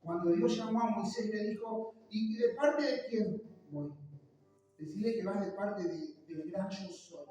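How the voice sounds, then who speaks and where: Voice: mid-range voice, a little slow, mellow. An impassioned preacher with a Rioplatense Spanish accent delivers a sermon, acting out the voices being quoted. The voice rings through a very reverberant church and is picked up from far off the mic. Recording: very echoey church hall, voice from far off.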